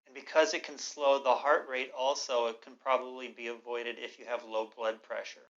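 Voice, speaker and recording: A man teaches a yoga breathing practice with a clear-cut bright tone and mid-range pitch. He explains and guides in a measured, gently instructive manner. The recording is a little dull and lo-fi. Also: flat delivery.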